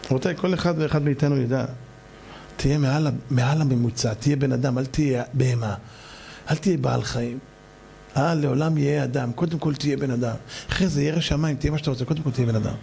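A man, a rabbi, giving an animated sermon and acting out the voices of people in his stories. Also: medium pitch, vocal fry, a little hiss or hum.

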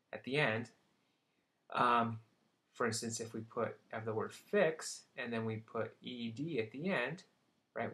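A man's voice: medium pitch, fairly bright tone. A young man teaching psychology terms in a casual recorded lecture, checking in often and making light jokes. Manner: casual, checks in with "right?" and "okay?"; light joking asides.

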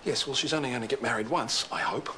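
An actor playing a brisk, businesslike hospital boss and father in a TV soap. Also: mid-range voice, pushed and bright, slight background noise, close to an everyday voice. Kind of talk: TV soap acting.

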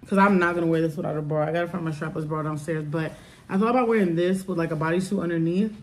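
A woman's voice: on the low side, fairly even intonation, fast. A young woman chatting casually to camera in a home vlog, rambling with lots of "like" and "um.". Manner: chatty, rambling, many "like" and "um" fillers. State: out of breath, rushed. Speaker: vlogger.

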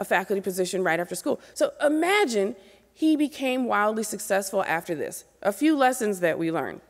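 A woman in her forties giving an earnest keynote lecture from a podium microphone on an auditorium stage, speaking directly to new graduate students. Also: medium pitch. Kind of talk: motivational lecture. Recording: long reverb of a large hall.

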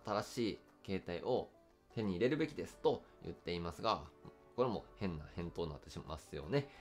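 Low-voiced man teaching English test answers. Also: fairly bright tone. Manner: slow careful English readouts, frequent fillers. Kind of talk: explaining test questions.

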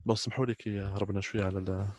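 Speaking fast and informally to the camera, an Algerian-accented trainer in his thirties addresses his students, hopping between languages and repeating points for emphasis. His voice sits on the low side with little pitch movement, and the sound is dry and close with no echo.

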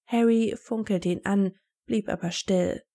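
A woman reading a fan fiction story aloud in steady narration, giving the characters their own voices. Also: medium pitch, unhurried.

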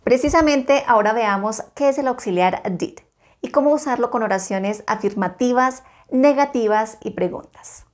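A woman teaching English grammar, slowly reading bilingual example sentences with careful pronunciation. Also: on the high side. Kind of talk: slow bilingual grammar lesson.

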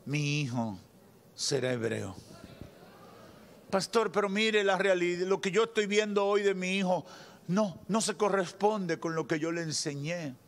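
A man in his thirties with a Dominican Spanish accent, preaching a fervent sermon from a church stage into a handheld mic, moving between loud declarations and slow, hushed lines. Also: high voice. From Dominican Republic. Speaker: pastor. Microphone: handheld microphone at a pulpit.

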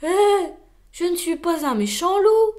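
A woman's voice: high voice, a little slow, voice pushed up. A woman voicing a young male wolf who is afraid of everything, in a storybook reading. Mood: gentle. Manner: anxious, plaintive.

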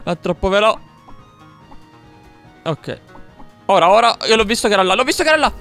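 A young man commentating his own gameplay live, excitable, repeating words in quick bursts and swearing when things go wrong. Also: sits high. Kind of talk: live let's-play commentary. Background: game music.

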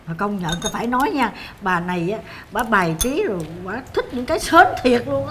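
Brief: gossipy older relative, blunt and familiar. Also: female voice, fairly high pitch, expressive, a little fast, a bit bright, slight background noise. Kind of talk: sitcom acting.

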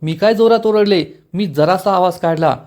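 A man voicing a quick-tempered young village bride, retorting in a slightly raised voice. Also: high voice, darkish tone, lightly acted. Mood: snappy.

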